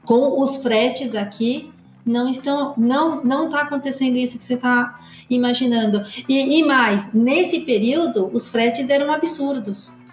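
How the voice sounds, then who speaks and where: A woman with a fairly high voice explains customs and freight on a podcast in quick, emphatic bursts. The room echoes around her, and faint music plays underneath. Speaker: customs consultancy partner. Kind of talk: podcast discussion.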